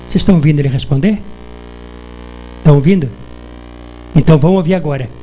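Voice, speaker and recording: A man's voice: a little high, fast talker, warm tone, slight background noise, rough recording. A man with a Brazilian Portuguese accent preaching a sermon in church, often putting questions to the congregation. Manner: asks the congregation rhetorical questions.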